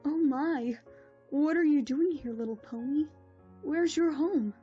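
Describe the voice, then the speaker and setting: A woman voicing a gentle, motherly pony princess who speaks calmly and patiently. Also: high voice, unhurried, muffled recording, soft background music. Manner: calm, patient and kind.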